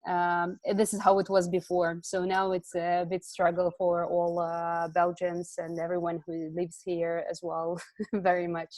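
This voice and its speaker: A woman's voice: fairly low pitch, completely flat delivery, unhurried, darkish tone, dry recording. A woman from Ukraine speaks over a video call from her home. She talks hesitantly, full of fillers and restarts, as a community organizer and guest. The sound is close and dry, with no room around it. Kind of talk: casual online talk.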